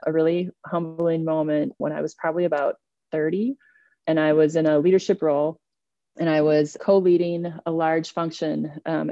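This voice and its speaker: Middle-aged woman guest, low and mellow, candid storyteller; dull dry lo-fi recording. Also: no room sound. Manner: reflective, animated retelling with quoted asides. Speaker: interview guest.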